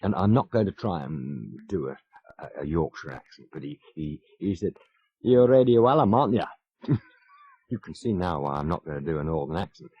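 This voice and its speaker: A radio presenter in his fifties chuckles his way through wry stories that poke fun at himself. He speaks a little fast in a very deep, slightly rough voice. The sound is that of a muffled old radio broadcast.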